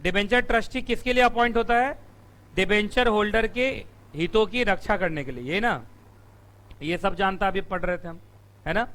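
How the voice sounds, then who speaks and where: A man teaches company law to a live classroom through a room mic. His voice is high and bright. He fires quick questions at the students, answers them himself, and sounds strained from shouting.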